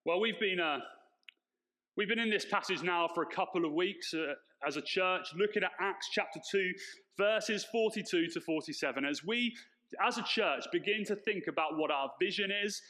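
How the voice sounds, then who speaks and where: A man's voice: high voice, moderate pace, pushed and bright. A man speaking as a pastor, preaching and praying to his congregation through an echoey church sound system. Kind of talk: sermon and prayer to congregation.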